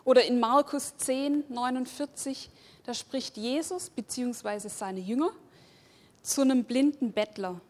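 Slow, emphatic woman preaching. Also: on the high side, a little mellow. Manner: slow, emphatic, repeats phrases in lists; addresses listeners directly with questions. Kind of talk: sermon.

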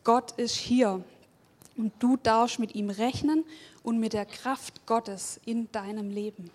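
Slow, emphatic woman preaching. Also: a little high, fairly even intonation, a little mellow. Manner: slow, emphatic, repeats phrases in lists; addresses listeners directly with questions. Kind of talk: sermon.

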